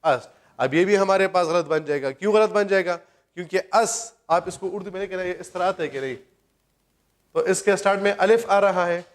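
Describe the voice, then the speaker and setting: A man teaching English grammar, asking and answering his own questions and slowing down to read example sentences aloud. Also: high voice. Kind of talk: grammar lecture.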